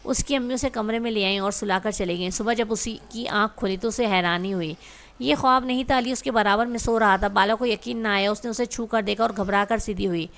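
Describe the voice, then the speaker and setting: A woman narrating a romantic drama story aloud in a steady reading voice. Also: mid-range voice.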